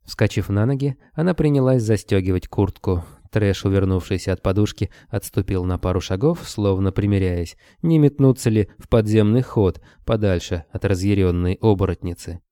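A man narrating a fantasy audiobook with steady storytelling. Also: lowish voice, moderate pace, hardly any pauses, no room sound, studio quality.

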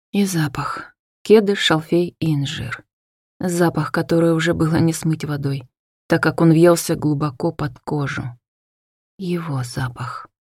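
Woman reading a novel aloud, dramatic, drops to hushed bits, fairly low voice. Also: no room sound, clean studio sound. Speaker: audiobook narrator. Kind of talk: scripted first-person narration.

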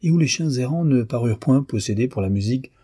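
A man reading a story aloud in measured, expressive narration. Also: medium pitch, slightly rough, dry recording. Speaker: audiobook reader. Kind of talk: scripted narration.

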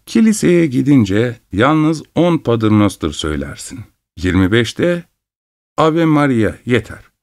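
A man voicing a stern, sharp-tongued farm mother who scolds and gives orders. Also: medium pitch, very animated, unhurried. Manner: scolding, commanding.

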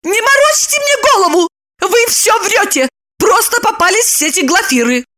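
A woman reading an audiobook voices an excitable, jealous woman who talks in high, shrill, accusing outbursts. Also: measured pace, exaggerated voice. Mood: indignant shrill. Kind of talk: audiobook character voicing.

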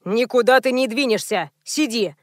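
A woman's voice: on the high side, normal speed, no echo, studio quality, lightly acted. A woman voicing a flustered grown son, an actor, who pleads awkwardly with his mother in an audiobook. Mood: pleading.

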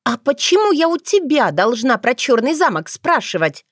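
A woman's voice: high voice, big pitch swings, moderate pace, no room sound, studio quality, pitched above the performer's own voice. Sassy young witch, as a woman narrator puts her on. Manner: bold, sassy and indignant. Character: cheeky sharp-tongued young witch woman.

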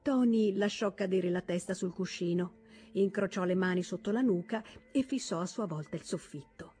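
A woman narrates a classic novel in a measured, expressive reading voice. Her tone is husky and slightly breathy, at a middle pitch. It has the feel of a professional literary audiobook. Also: faint music behind. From Italy. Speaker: audiobook reader.

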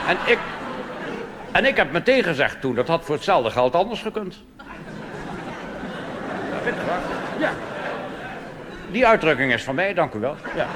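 On a theater stage before a live audience, a Dutch cabaret comedian plays a blustering, pompous reactionary army officer in a rambling in-character monologue full of tag questions. His male voice is high-pitched and pushed up, and the live recording carries hall reverb and hiss.

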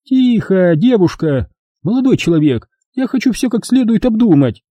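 A man voicing prim, haughty old Miss Rushby. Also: high voice, very animated, mellow, dry recording, voice pushed up. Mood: curt, commanding. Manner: prim and commanding.

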